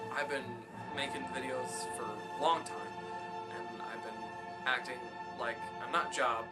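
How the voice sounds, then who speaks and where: A young man answering viewer questions in a casual vlog, lively and enthusiastic, with his voice jumping up when he reads a question out. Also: medium pitch. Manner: enthusiastic, animated when reading questions aloud.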